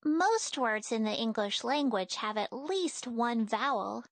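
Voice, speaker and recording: A woman's voice: a little high, animated, a little slow, no echo. A woman voicing a friendly girl presenter in an educational cartoon, explaining things simply to children in scripted narration. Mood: instructive.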